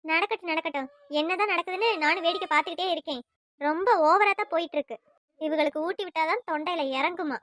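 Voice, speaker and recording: A woman voicing a scolding, sharp-tongued old mother-in-law in a family cartoon, nagging and quarrelsome. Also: extremely high pitch, quick pace, slight background noise. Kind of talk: cartoon voice acting.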